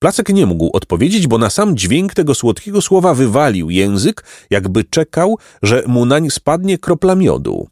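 A man reading a children's story aloud in an animated storytelling manner. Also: mid-range voice, moderate pace, hardly any pauses, dry recording, clean studio sound. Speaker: narrator. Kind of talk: scripted children's story narration.

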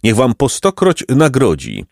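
A man's voice: medium pitch, huge pitch swings, measured pace, creaky, darkish tone, dry recording, clean studio sound, voice pushed up, exaggerated voice. A man reading a storybook and voicing a poor, worn-out old mother who speaks tenderly and with great joy. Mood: blessing. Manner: tender, overjoyed and pleading.

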